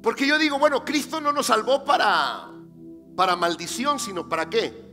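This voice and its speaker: Male pastor, sermon, very high ringing voice, unhurried, rhetorical questions, reverberant hall. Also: lively intonation. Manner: asks the congregation rhetorical questions and answers them himself; rises to emphatic, near-shouted declarations. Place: church sanctuary. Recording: reverberant church hall with faint music.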